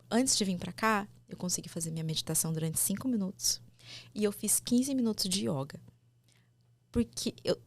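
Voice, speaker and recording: A woman with a Brazilian Portuguese accent, an actress and mother, talking candidly and softly in a casual conversation. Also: mid-range voice.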